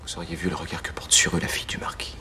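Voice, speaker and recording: A proud young secretary. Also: male voice, low voice, monotone, very fast, pushed and bright, in a whisper. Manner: earnest, heated when arguing. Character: ambitious young male secretary, proud and restless. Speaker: young secretary Julien Sorel. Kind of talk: period film drama.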